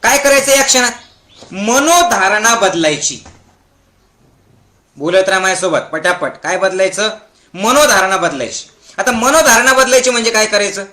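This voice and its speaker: A man's voice: high-pitched, expressive, pushed and bright, echoey room. A man teaching a satsang talk, leading the audience to repeat his lines aloud and stretching out key words. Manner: call-and-response, has the audience repeat lines; emphatic, drawn-out words. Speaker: spiritual teacher leading a meditation camp talk.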